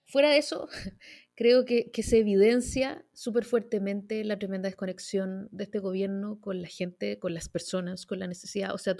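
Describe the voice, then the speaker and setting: A woman's voice: medium pitch, darkish tone. A woman with a Chilean accent, commenting emphatically on politics in a panel discussion, with many fillers and restarts. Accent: Chilean Spanish.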